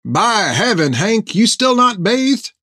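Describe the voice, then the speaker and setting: A man voicing a gruff, folksy male ship's mate speaking in a rustic dialect. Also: high voice, big pitch swings, takes it slowly, sharp tone, no echo, studio quality, pitched above the performer's own voice, exaggerated voice. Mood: teasing.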